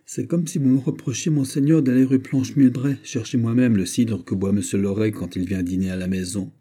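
A man reading aloud, voicing a calm, disdainful steward who answers with tranquil scorn. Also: on the low side, normal speed, lightly acted. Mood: heated.

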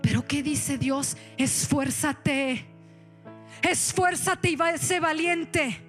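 Woman pastor, animated sermon delivery, code-switches, high-pitched. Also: takes it slowly, soft background music. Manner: animated, switches into English, directs the congregation.

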